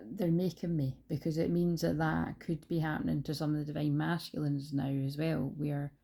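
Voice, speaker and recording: A woman's low, creaky voice, warm in tone with a breathy edge, comes through a phone she holds in her hand. She hosts a spiritual channel and is chatting casually to camera at home beside her dog, rambling with frequent fillers and restarts.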